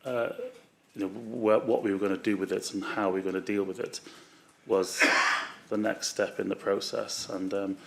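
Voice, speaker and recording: Witness, male, low and gravelly, voice worn by flu, halting testimony. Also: flat delivery, a little hiss or hum. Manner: halting, many fillers and restarts. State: voice going from flu. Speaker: witness at a public inquiry. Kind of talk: formal testimony.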